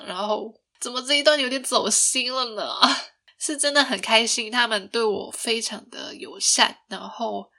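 Young woman, bright voice, mid pitch, chatty personal storytelling podcast. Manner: chatty, laughs often, asks listeners rhetorical questions. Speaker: podcast host.

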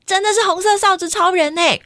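A woman reading a picture book aloud to children in an animated way, often stopping to ask them questions. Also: very high-pitched, a little fast, no echo, studio quality. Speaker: children's storyteller.

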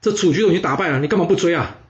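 A man's voice: a little high, rapid-fire, muffled recording, voice pushed up, close to an everyday voice. A rash young prince with a raised, impatient voice, put on by a man narrating. He sounds dismissive and eager to charge ahead.

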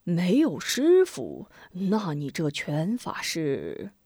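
A wistful old Taoist master, as a woman storyteller puts him on, soft and half-whispered. He takes his time, with a lively lilt, heard in a dry, close sound. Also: fairly low pitch, slow, slightly rough, no room sound, exaggerated voice. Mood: gentle. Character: elderly male Taoist master, gentle and wistful.

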